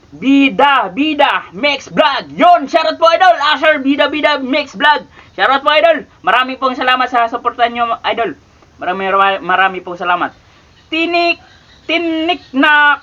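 A man vlogging casually, reading viewer shoutouts with cheery rising calls and stumbling over names. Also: very high voice, dull audio. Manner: stumbles over names, keeps saying "mga idol".

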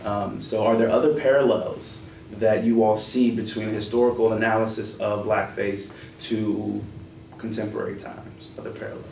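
A man moderating a group discussion in formal, academic wording with measured delivery. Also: on the low side, flat delivery, gravelly, darkish tone. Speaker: discussion facilitator. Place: small indoor meeting room. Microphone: far camera or room mic. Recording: distant, echoey room, faint noise.

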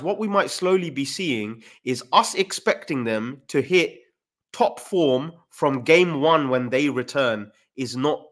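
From a home room, a man co-hosts a relaxed football conversation over video call using a desk microphone. He's lively, with frequent quick rises in pitch.

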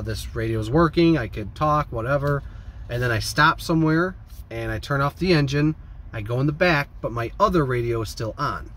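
A Midwestern American man with a mid-range voice chats loosely and rambles to the camera for his vlog. He's sitting in a parked van, recorded on a phone or camera held at arm's length. Vehicle ambience comes through as clear background noise.

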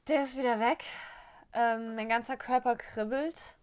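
A woman's voice: fairly high pitch, fairly even intonation, unhurried. A woman with a German accent, the host, repeating affirmations after a practitioner in a guided session, openly emotional as she speaks. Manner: echoes phrases, openly emotional.

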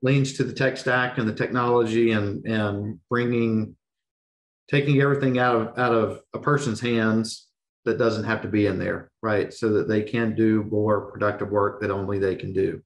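A middle-aged male podcast host with a lowish voice, hoarse and losing it, chats casually in an interview at a normal speed. He sounds relaxed and rambles, often restarting his sentences. The audio is poor, picked up by a video call webcam.

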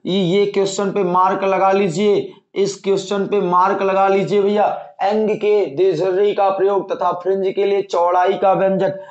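A man's voice: high-pitched, flat delivery, normal speed, hardly any pauses, a little mellow. A male teacher going through an exam syllabus, repeating key points and reassuring students he calls dear children. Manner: repetitive, assuring, addresses students as dear children. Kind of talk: exam-prep lecture. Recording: echoey room, dull lo-fi sound.

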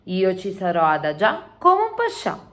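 A woman voicing a big, clumsy, friendly male giant who jumbles his words and booms out his exclamations. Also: wildly swooping pitch, measured pace, fairly bright tone. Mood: excited. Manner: booming exclamations, mangled made-up words.

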